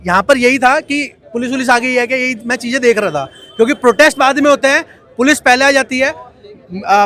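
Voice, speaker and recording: High-voiced indignant male street reporter. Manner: indignant, grows loud and impassioned. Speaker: reporter covering a protest. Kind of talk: on-the-spot reporting and street interviews. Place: outdoor street protest. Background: faint protest crowd.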